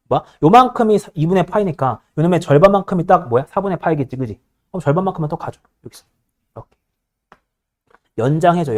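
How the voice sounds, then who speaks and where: A male high school math teacher lectures his class in a darkish tone. He's bossy and teasing, constantly checking that the students are keeping up.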